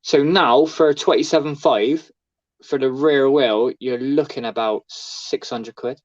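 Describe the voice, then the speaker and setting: A man's voice: mid-range voice, measured pace. A man in casual chat as a podcast co-host, rambling and full of fillers. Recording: slightly dull lo-fi recording.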